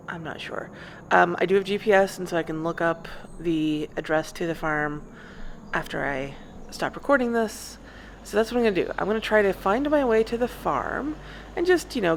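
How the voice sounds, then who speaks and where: A woman's voice: lowish voice, creaky, a little hiss or hum. A woman doing in-character roleplay narration over gameplay, chatty and rambling as she wonders aloud. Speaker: roleplay gamer.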